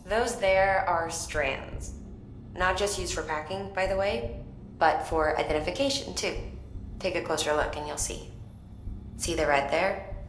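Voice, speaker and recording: Actress as a lowish-voiced easygoing woman engineer. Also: measured pace, long pauses, close to an everyday voice. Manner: informal, offhand. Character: casual, easygoing female maintenance chief. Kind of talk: video game acting. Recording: roomy echo, clear background noise.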